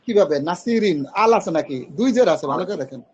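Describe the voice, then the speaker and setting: Male grammar teacher, high pitched, patient and questioning, muffled online-class sound. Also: expressive, fast talker, darkish tone. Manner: patient, questioning students, mixes English terms.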